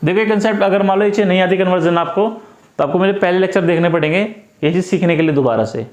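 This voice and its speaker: Man, high voice, tutor, repeats every step, roomy echo. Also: racing, darkish tone. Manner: repetitive, coaxing, talks through each step. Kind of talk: step-by-step math lesson.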